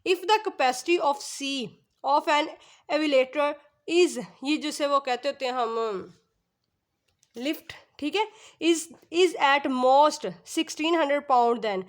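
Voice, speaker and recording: A woman teacher working through maths exercises, reading English lines slowly and then explaining in quicker asides, often asking and answering her own questions. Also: sits high.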